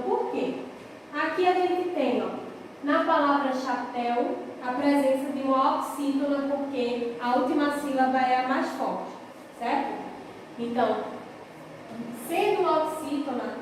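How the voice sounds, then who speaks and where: Woman teacher, high voice, patient explainer, distant mic with long hall reverb. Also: a little mellow, a little hiss or hum. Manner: patient, explanatory, frequent "ok?" and "certo?" checks. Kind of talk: recorded remote grammar lesson.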